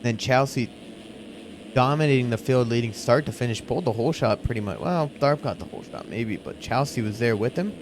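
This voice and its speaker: A man's voice: mid-range voice, lively intonation, fairly quick, background noise. A man giving live motorsport race commentary in an informal, conversational play-by-play style.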